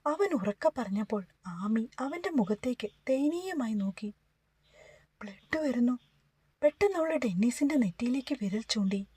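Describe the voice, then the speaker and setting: A woman narrating a romance novel in a steady storytelling manner. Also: fairly high pitch, normal speed, husky, dry recording. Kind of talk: novel reading.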